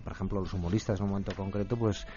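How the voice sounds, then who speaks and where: A man's voice: sits low, fairly even intonation, racing, dark tone, lo-fi sound, faint music behind. A man speaking as a guest expert in a radio discussion, thoughtful and hesitant.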